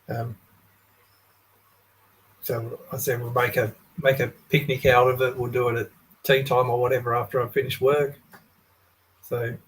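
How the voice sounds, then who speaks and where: A man being interviewed, relaxed and hesitant, with many fillers. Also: medium pitch, slight background noise, rough recording. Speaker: guest. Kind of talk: casual interview.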